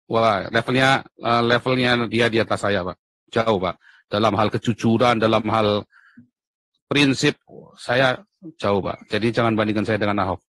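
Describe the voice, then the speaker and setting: A man being interviewed in casual conversation, animated and at times emphatic, almost shouting. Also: medium pitch, dry recording. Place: abroad in Europe.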